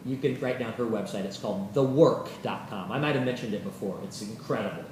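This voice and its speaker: A male yoga teacher giving an informal, animated lecture to a class, acting out quoted voices and swearing casually. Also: on the low side, quick pace, slight background noise. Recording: roomy echo from a far mic.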